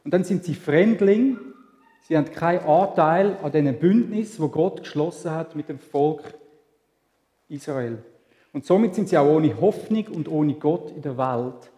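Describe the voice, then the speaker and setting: A man's voice: on the high side, expressive, measured pace, dark tone. A man with a Swiss German accent preaching a sermon in a conversational way, asking rhetorical questions. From Switzerland. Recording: echoey hall with long reverb.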